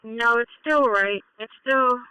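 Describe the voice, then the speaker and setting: Brisk woman dispatcher over police radio. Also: fairly high pitch. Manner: clipped, brisk radio codes. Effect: police radio transmission. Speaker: emergency dispatcher. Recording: distant, hissy scanner radio.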